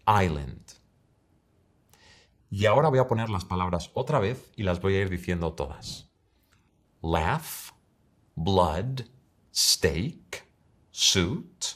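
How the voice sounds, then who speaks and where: Low-voiced male English teacher. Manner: direct, addresses the listener, models English words. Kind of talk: scripted online lesson.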